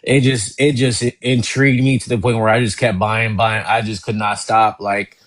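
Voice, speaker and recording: A man talking in a casual chat, rambling and excited, often laughing as he goes. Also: on the low side, normal speed, dry recording. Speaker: guest.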